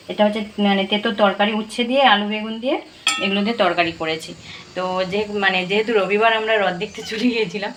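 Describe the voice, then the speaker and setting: A woman's voice: mid-range voice, fairly bright tone, a little hiss or hum, rough recording. A woman in her thirties from Bengal, chatting casually and rambling with many fillers as a vlogger in her home kitchen. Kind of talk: casual home vlog chat.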